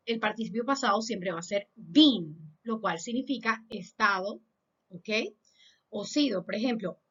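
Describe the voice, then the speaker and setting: A woman teaching beginner English in Spanish, saying example sentences slowly and carefully for learners to repeat. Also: a little high, lo-fi sound. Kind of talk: lesson in Spanish.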